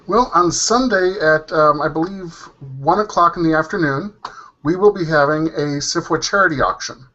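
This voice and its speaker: A man's voice: fairly high pitch, normal speed, sharp tone. A man talking casually as a panel guest, hesitant and full of ums and uhs. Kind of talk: casual chat. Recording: dull lo-fi audio.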